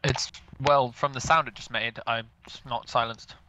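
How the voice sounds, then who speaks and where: A man's voice: mid-range voice, fairly even intonation, normal speed, sharp tone, muffled recording. A young man chatting and joking while playing an online shooter, giggly and sarcastic. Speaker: gaming commentator. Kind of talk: casual gameplay chat. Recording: faint background noise.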